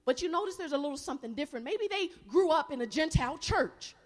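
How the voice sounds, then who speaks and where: A guest preacher in a large worship hall delivers a sermon in a high-pitched voice at a fast pace, and the recording is echoey. She leads the congregation in call-and-response and tells animated stories, acting out the people in them with quoted voices.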